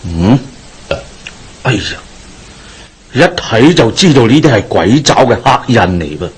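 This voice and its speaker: A man with a Hong Kong Cantonese accent performs a full character voice as a calm, authoritative Taoist exorcist master in a radio drama. His medium-pitched voice is husky, and he keeps a measured, knowing, formal tone.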